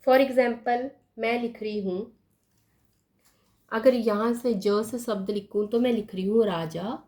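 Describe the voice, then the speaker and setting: A woman teaching a lesson, writing words on a board and repeating each one slowly, often asking her pupils questions. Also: fairly high pitch, steady tone, darkish tone. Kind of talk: slow classroom explanation at a board.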